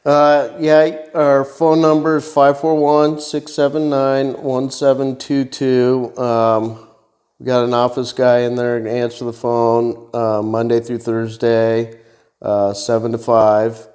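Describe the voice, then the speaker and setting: A man who works as a plumbing contractor speaks as a guest in a casual chat. He talks slowly and keeps his answers short and plain, with frequent ums and uhs. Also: medium pitch, little pitch movement, darkish tone. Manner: plain, unhurried, brief answers with fillers.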